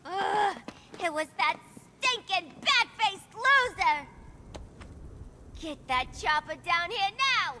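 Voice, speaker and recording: A woman's voice: extremely high pitch, sing-song, slow, pushed and bright, slight background noise, full character voice. A woman playing a manic, bratty young supervillain gang boss in a video game, theatrical and taunting. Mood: furious, bossy. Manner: taunting, theatrical, sing-song.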